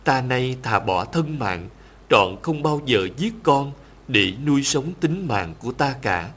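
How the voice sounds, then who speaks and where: A man voicing a grieving king who is a loving father, read in a measured, solemn way. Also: mid-range voice, expressive, a bit bright, husky, heavily acted. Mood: sorrowful tender.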